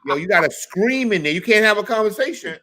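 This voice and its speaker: Lively, teasing man on a talk show. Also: sits high, quick pace, crowd noise. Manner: joking, teasing. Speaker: co-host. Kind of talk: casual talk-show banter.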